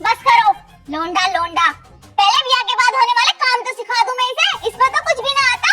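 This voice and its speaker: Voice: extremely high pitch, expressive, brisk, sharp tone, soft background music, exaggerated voice. A performer playing a nagging, overworked village mother who scolds and threatens her family in a comedy skit. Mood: complaining.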